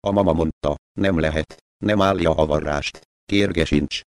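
Old shoemaker, gruff, grumbling, curt, deep voice, read by a man. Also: no room sound. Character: grumpy old male shoemaker, gruff but not cruel.

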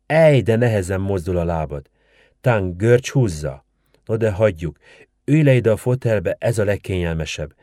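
Fussy sharp-tongued old village woman, voiced by a male storyteller, dark low tone. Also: animated, no room sound, studio quality, lightly acted. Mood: fussing. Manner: scolding, folksy and bustling.

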